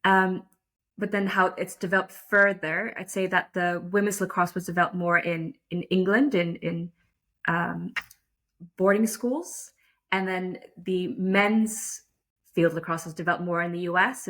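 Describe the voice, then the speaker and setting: A Dutch woman who umpires lacrosse is a guest in a casual interview, speaking thoughtfully and modestly. Her voice is fairly low in pitch and a bit bright, and she restarts often and uses plenty of fillers.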